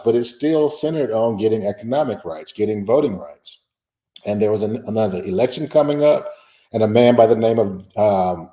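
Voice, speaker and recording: A man's voice: lowish voice, dark tone, reverberant. A man who is a history professor, giving a conversational slide lecture in a blunt, emphatic and colloquial way.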